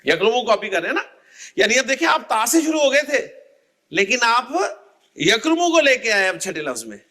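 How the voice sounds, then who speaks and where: A man teaching Arabic grammar in a lecture, quizzing listeners and repeating word forms slowly. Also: extremely high pitch, sing-song, pushed and bright. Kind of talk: classroom lecture.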